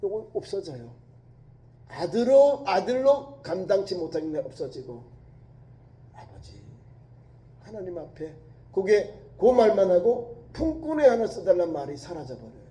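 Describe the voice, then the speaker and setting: A male pastor preaching a sermon, telling a story with emphasis and dropping from loud to hushed. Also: high-pitched, very animated, unhurried. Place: church sanctuary. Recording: echoey church hall.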